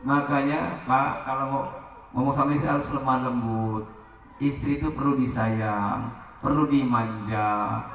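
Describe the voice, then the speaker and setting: A man preaching a humorous Islamic sermon, switching between loud exhortation and soft joking asides, sometimes chanting verses. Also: mid-range voice, fairly even intonation, measured pace, a little hiss or hum. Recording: echoey hall, voice from far off the mic.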